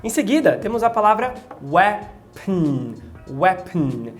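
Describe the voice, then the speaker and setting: A woman teaching English pronunciation, explaining sounds and repeating them slowly to demonstrate. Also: medium pitch, animated, soft background music. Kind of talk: explanatory lesson narration.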